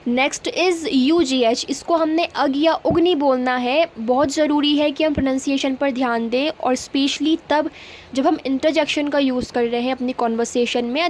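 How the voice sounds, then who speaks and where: Brief: female grammar teacher, high voice, slow acted example lines, faint background hiss. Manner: explains in Hindi, slowly acts out English example sentences. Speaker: English teacher. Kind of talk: grammar lesson.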